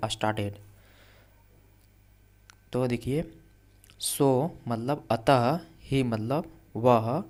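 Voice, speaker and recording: A man teaching English reading in Hindi, patiently repeating each word with its meaning and reading story words out slowly. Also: mid-range voice, darkish tone.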